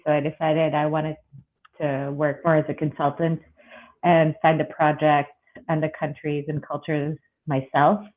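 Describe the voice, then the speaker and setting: A woman born in Russia and raised in Bangladesh, talking as an interview guest in a relaxed, reflective way with fillers. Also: deep voice, a little slow. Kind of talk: casual interview conversation. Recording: tinny phone-like line.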